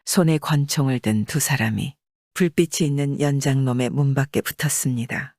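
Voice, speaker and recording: A man narrating an old tale as an audiobook, in a measured, expressive storytelling manner, on a close mic. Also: mid-range voice, dry recording.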